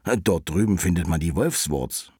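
Storybook villain: sly wolf, low and slow, honeyed menace, husky edge , read by a man. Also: expressive, darkish tone, no room sound. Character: sly scheming male wolf, deep and smooth.

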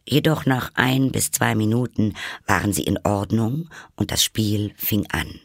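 A man reading a storybook aloud as narrator, with expressive delivery. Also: lowish voice, measured pace, gravelly, no room sound, clean studio sound. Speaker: audiobook narrator.

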